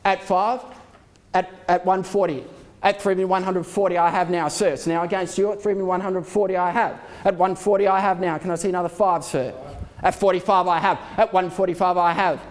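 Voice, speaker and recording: A man with a high-pitched voice calls a live auction as the auctioneer. He repeats figures in short rhythmic phrases and addresses the bidders formally and courteously. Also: fairly even intonation, brisk. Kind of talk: live property auction calling.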